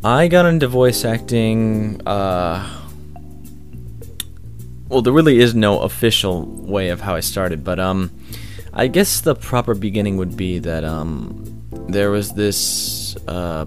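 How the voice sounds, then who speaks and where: Speaking in a low pitch, a young hobbyist voice actor responds to an interviewer in a wandering, unstructured way. He keeps restarting sentences and leans heavily on filler words.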